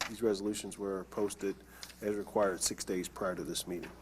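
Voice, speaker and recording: A man's voice: deep voice, steady tone, moderate pace. A man on a city council stating a formal procedural motion. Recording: faint background room noise.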